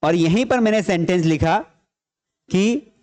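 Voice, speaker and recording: High-voiced man teaching grammar. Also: unhurried, a little mellow. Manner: asks the class questions and answers them himself; repeats key points, explains in Hindi mixed with English terms. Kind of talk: classroom lecture.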